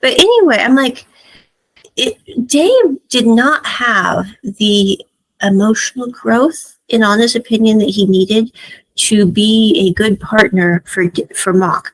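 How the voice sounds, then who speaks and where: Husky, chatty woman recapping a show. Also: mid-range voice, poor audio. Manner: chatty, laughs often, acts out quotes. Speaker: series reviewer. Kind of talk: casual recap and commentary.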